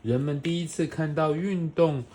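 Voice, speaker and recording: A woman's voice: sits low, moderate pace, dark tone, a little hiss or hum. A woman reading a picture book aloud to a toddler, expressively, with questions and playful sound effects. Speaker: storyteller reading a picture book to a young child. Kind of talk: animated read-aloud to a toddler.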